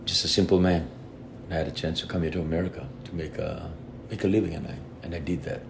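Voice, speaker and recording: Male guest, extremely low voice, earnest and reflective storyteller. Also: steady tone, fast talker, vocal fry, noisy background. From Fiji. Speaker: guest, lead singer of a reggae band. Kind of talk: casual interview conversation.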